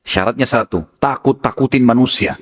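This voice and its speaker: A preacher doing a scheming court sorcerer. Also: male voice, mid-range voice, normal speed, natural voice. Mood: coaxing. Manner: coaxing, then scolding.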